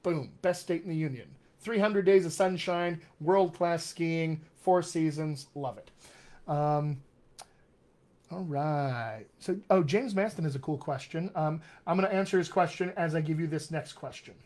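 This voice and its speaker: A Colorado dialect coach, upbeat and teacherly, fields questions in a casual live Q&A. His voice is on the high side with a darkish tone, and he keeps a measured pace. There are hints of West Texas and upstate New York in his General American accent.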